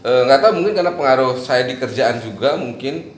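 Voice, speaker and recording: A man from eastern Indonesia talks through his thoughts in a relaxed chat, laughing now and then. His voice sits at an ordinary middle pitch. The room gives it a clear echo with faint background noise. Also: brisk. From eastern Indonesia, Bima. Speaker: guest. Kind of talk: casual chat.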